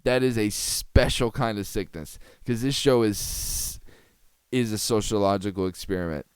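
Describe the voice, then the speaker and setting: A man's voice: on the low side, normal speed, clear, resonant tone, no echo, studio quality. A man hosting a podcast, giving sarcastic, rambling comedic commentary on a TV clip and laughing often. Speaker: podcast host.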